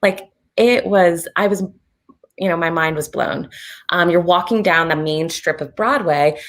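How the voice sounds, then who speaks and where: A raspy, hoarse woman travel advisor giving a casual online presentation over a video call, chatty and full of fillers. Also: fairly low pitch, unhurried.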